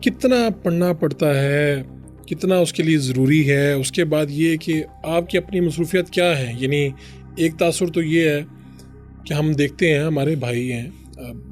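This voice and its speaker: A man's voice: a little high, normal speed, a little mellow, soft background music. A man with a Pakistani Urdu accent hosting an interview show, asking probing, leading questions and dropping short affirmations. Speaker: show host.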